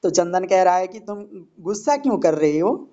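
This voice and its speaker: A man's voice: high voice, lively intonation, mellow. A man teaching a Sanskrit play, reading each line and then explaining it in Hindi. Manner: reads Sanskrit lines then explains them slowly in Hindi. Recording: dull lo-fi recording.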